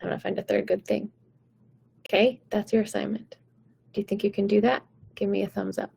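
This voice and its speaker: A woman vocal coach talks to viewers in a live-streamed session, encouraging and conversational. Her voice is husky with a gravelly edge. Its tone is mellow and dark. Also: medium pitch, flat delivery, brisk, poor audio. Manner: conversational, often checking in with "right?"; encouraging and upbeat.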